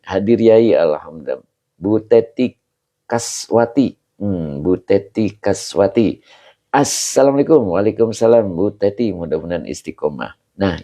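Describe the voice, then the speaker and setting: A man's voice: low voice, gravelly, mellow. A man with an Indonesian accent, a religious teacher casually greeting viewers of his live stream and reading their comments aloud with frequent chuckles.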